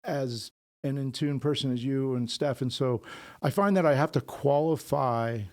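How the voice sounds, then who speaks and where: Blunt gravelly-voiced man co-hosting. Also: mid-range voice, moderate pace. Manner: blunt, self-deprecating, animated storytelling. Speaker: podcast co-host. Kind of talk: casual chat.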